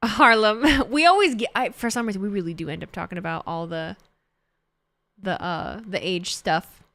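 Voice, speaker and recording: A woman's voice: medium pitch, normal speed, a bit bright, dry recording. A woman in her thirties streaming and chatting casually, rambling and correcting herself as she reads chat. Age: 30s. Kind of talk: casual livestream chat, reading chat.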